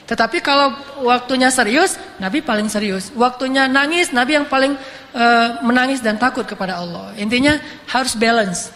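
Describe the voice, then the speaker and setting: A man gives a lively, joking sermon and acts out the voices in his stories. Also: very high voice, normal speed. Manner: animated, jokey, acts out voices. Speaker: preacher. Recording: reverberant hall with faint noise.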